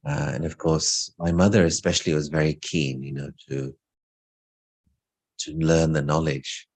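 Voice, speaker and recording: A middle-aged Englishman gives an informal spiritual talk about his own life, reflective and lightly humorous. His voice is a rumbling low with little pitch movement, a measured pace and a slightly mellow quality.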